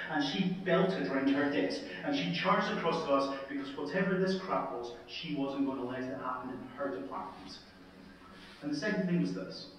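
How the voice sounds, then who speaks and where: A Scottish man, an emergency department consultant, telling a story in a talk with wry humour and punchy, dramatic pauses, played from a video into a conference hall. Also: on the high side, recorded from a distance. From Scotland. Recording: video played into an echoey hall, heard from afar.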